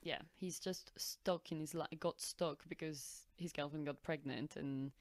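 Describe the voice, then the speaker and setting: A woman with a notably low voice co-hosts a podcast in casual back-and-forth chat. She talks in quick asides strung together with "like", and the sound is close and dry. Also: fairly even intonation, dry recording. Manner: chatty, quick asides with lots of "like". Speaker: podcast co-host.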